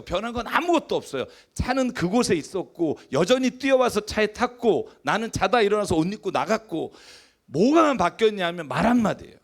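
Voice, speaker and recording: Male pastor, lively and expressive sermon delivery, voice on the higher side. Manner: conversational and animated, acts out family dialogues.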